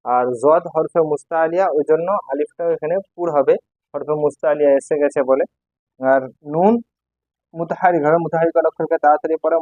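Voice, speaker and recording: A man with a slightly high voice gives a patient recitation lesson, spelling letters slowly and repeating syllables. The sound is dry and a bit dull, like a lo-fi recording. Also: darkish tone, no room sound. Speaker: Quran recitation teacher.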